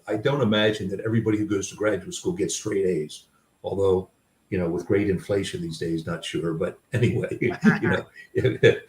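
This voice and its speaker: A man's voice: fairly low pitch, darkish tone, roomy sound, recorded from a distance. An older man and author, telling candid, self-deprecating personal stories in a reflective way, with many restarts. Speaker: author and guest.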